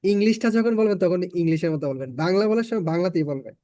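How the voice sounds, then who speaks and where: A man's voice: sits high, quick pace, dark tone, no room sound, studio quality. A man with a Bangladeshi Bengali accent teaching an online spoken English class, patiently repeating his points for learners.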